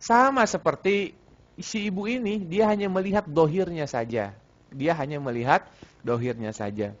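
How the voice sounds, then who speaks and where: A man's voice: a little high, expressive, normal speed. Man preaching in a casual, repetitive way. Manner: conversational, repeats phrases, asks the audience questions, teases listeners. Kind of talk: Sunday morning religious study talk. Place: mosque. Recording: muffled lo-fi recording.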